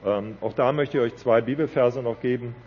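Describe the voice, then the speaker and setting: A man's voice: mid-range voice, normal speed, breathy edge, highs cut off. Earnest German-speaking preacher man. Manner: earnest, conversational, asks "ja?" often. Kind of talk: sermon.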